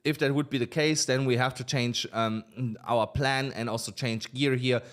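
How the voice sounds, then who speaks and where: Guy going over crypto charts, lots of ums and uhs, kinda tired and under the weather, mid-pitch voice. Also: fairly even intonation, moderate pace, fairly bright tone. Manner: hesitant, many fillers, slightly non-native phrasing. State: a little unwell, low on energy. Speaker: crypto market analyst host. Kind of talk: casual chart analysis talk.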